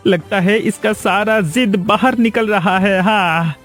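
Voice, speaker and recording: A man's voice: high-pitched, slow pace, fairly bright tone, soft background music, voice pushed up. A man voicing an anxious young husband in a cartoon, pleading and eager to please. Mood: relieved. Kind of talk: cartoon voice acting.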